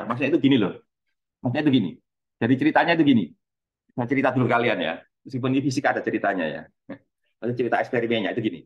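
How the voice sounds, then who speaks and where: A man's voice: medium pitch, fairly bright tone, muffled recording. Middle-aged male physics lecturer, casual and repetitive, quizzes the class and answers his own questions. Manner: asks students questions and answers them himself; conversational, repetitive teaching. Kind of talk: university lecture.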